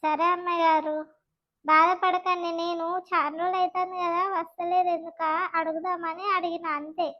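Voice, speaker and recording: A woman's voice: very high-pitched, flat delivery, moderate pace, muffled recording. A woman voicing a chatty, deferential village maid with a Telangana accent. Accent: Telangana Telugu.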